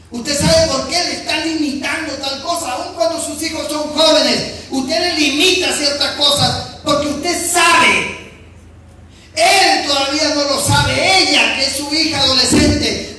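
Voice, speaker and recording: Peruvian pastor preaching in an echoey hall. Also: male voice, very high-pitched, a little hiss or hum. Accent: Peruvian Spanish. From Peru. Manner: emphatic and repetitive, swings between shouting and soft speech. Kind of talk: sermon. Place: church hall. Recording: echoey hall from far off with faint ambience.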